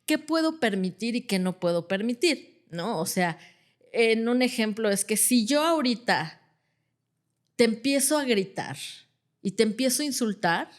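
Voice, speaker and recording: A woman, a clinical psychologist explaining calmly with everyday examples and checking in with "ajá". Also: on the high side, a little slow. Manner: acts out quoted parents in a different voice. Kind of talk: conversational explanation.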